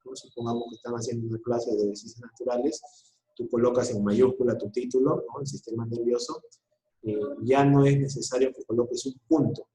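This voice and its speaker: A man's voice: mid-range voice, flat delivery, a little fast, mellow, reverberant, low-quality recording. A male school teacher giving a recorded online class, explaining patiently and often checking in with short questions.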